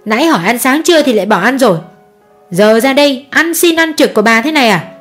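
A woman voicing a shrill, nagging middle-aged stepmother who scolds the children. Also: faint music behind, natural voice. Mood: scolding. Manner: sharp, nagging, quick scolding.

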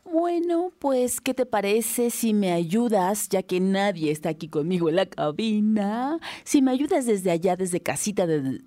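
A woman's voice: medium pitch, dark tone, no room sound. A woman hosting a children's radio show from a booth, talking friendly and straight to young listeners. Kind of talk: casual children's radio chat.

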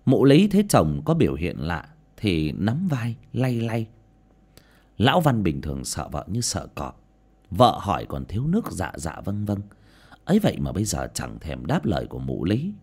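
A man's voice: wildly swooping pitch, normal speed, a little mellow, breathy edge. A man narrating a horror story in a dramatic, scripted way. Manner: dramatic, with sudden pitch swings. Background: faint music.

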